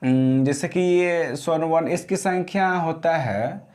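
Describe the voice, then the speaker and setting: A man teaching a grammar class, explaining slowly and often checking whether students understood. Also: a little high, darkish tone, soft background music. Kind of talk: classroom lesson.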